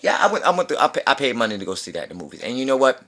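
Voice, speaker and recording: A man's voice: mid-range voice, animated, rapid-fire, fairly bright tone. A man in his thirties ranting in a casual movie review, profane, slangy and repeating himself. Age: 30s. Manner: slangy street talk.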